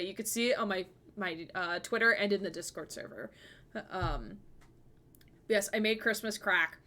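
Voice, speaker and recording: On a relaxed livestream, this twenty-something woman laughs a lot as she talks and keeps poking fun at herself. Her voice is a little high with a sharp tone.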